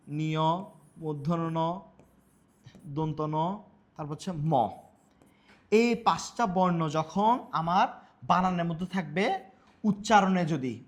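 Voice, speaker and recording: Male grammar teacher, high voice, self-quizzing and repetitive, coughs at times. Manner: asks questions and answers them himself, repetitive. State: coughing now and then. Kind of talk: grammar lesson.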